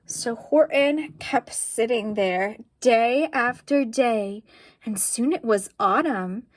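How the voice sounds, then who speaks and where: Slow expressive woman reading a storybook. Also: a little high, dry recording. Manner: slow, expressive, asks listeners questions. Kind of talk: reading a picture book aloud.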